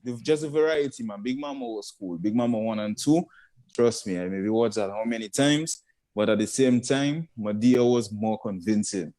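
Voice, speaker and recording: Speaking at normal speed in a fairly low, dark voice, a young man with a Caribbean English accent appears as a guest comedian. His casual chat rambles as he hunts for the right words.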